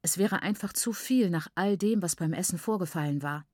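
A woman narrating an audiobook in a measured, even storytelling manner. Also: lowish voice, no room sound, clean studio sound.

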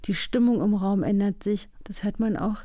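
A woman's voice: medium pitch, normal speed, mellow, no room sound, studio quality. A woman podcast host and coach talking in an empathetic, encouraging way. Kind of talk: podcast conversation with recorded coaching session.

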